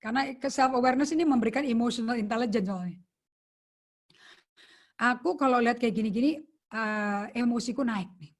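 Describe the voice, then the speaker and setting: Woman pastor preaching, higher voice. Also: a little fast, long pauses. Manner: mixes English phrases into casual Indonesian teaching. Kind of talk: teaching sermon on a video call. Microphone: video call.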